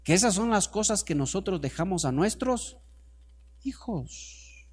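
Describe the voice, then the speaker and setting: A male pastor preaching a sermon to his congregation, asking them to repeat words after him and swinging from quiet asides to loud, urgent passages. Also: sits high, expressive, brisk. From Ecuador.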